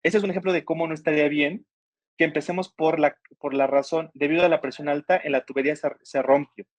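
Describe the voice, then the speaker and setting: A man's voice: on the high side, steady tone, fast, no echo. A man teaching an online writing workshop, patiently explaining grammar step by step and asking his students questions. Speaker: workshop instructor.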